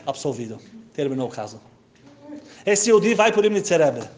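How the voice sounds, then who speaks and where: A male storyteller with a high, lively voice that swoops up and down constantly. He narrates with animated energy, jumping into his characters' voices as he goes. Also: brisk. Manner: animated, acts out every character. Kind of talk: lively anecdote told to an audience.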